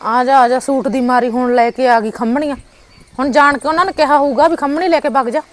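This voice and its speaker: A sharp-tongued Punjabi niece, played by a woman who taunts and grumbles at her aunt. Her voice is very high and she talks quickly. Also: steady tone, close to an everyday voice. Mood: resentful. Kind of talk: amateur village short drama.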